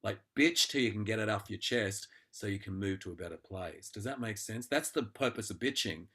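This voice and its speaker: Lively man explaining an acting exercise. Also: lowish voice, fairly quick. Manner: animated, acts out inner thoughts in quotes. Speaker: actor and acting teacher. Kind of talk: conversational interview.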